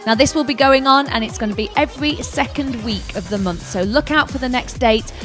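A woman's voice: on the high side, fairly quick. A young woman presenting church news announcements into a handheld mic in a church café, upbeat and inviting. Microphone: handheld microphone. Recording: music bed behind voice.

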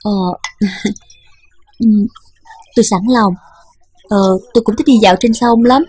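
A woman's voice: on the high side, unhurried, darkish tone, slight background noise, lightly acted. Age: young adult. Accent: Southern Vietnamese. Figure: actress as a reserved young woman. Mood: polite. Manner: polite, then curt. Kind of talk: TV drama acting.

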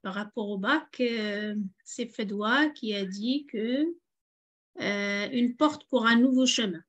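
A woman's voice: on the high side, slow pace, lo-fi sound. A woman co-host reading out audience comments from the chat, hesitant with many fillers.

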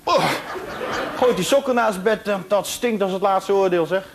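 A man with a high voice telling jokes on a TV stage with dry humor. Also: brisk. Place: television studio with an audience.

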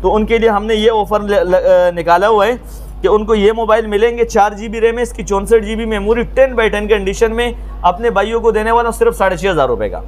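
High-pitched, eager Pakistani phone salesman. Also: a little fast, a little mellow, a little hiss or hum. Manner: eager, repetitive salesman patter. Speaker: mobile phone shop seller. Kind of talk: promotional sales pitch to camera. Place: small open-fronted mobile phone shop stall.

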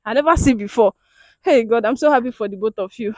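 A woman's voice: on the high side, fast talker, no echo. A young Nigerian woman hosting a street prank, laughing often and crying out to God in Pidgin asides. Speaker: prank show host. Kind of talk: excited street prank chat.

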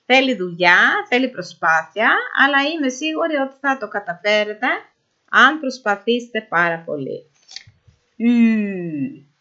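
A woman giving an informal pronunciation lesson who sounds out vowels slowly and repeats them. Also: on the high side, sing-song, bright, forceful tone. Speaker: language teacher. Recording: dull lo-fi recording.

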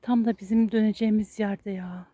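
A woman vlogging while out walking her dog, talking to it in a hushed, fussing way and to her viewers. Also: mid-range voice, fairly even intonation, fairly quick, no room sound, highs cut off. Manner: fussing and soothing, often hushed, then loud and pleading. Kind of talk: casual vlog narration and talking to her dog. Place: outdoors on a street.

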